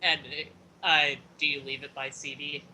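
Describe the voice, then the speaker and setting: A woman's voice: low voice, little pitch movement, normal speed, sharp tone, a little hiss or hum, rough recording. A woman narrating a tabletop game as game master, casual and laughing, with some swearing. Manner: casual, laughing, a bit profane.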